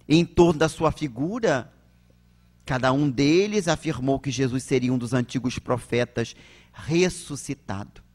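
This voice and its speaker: A man with a Brazilian accent delivers a public religious lecture at a slow, deliberate pace. His voice sits a little high for a man. He often poses rhetorical questions to the audience before answering them himself. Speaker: spiritist lecturer.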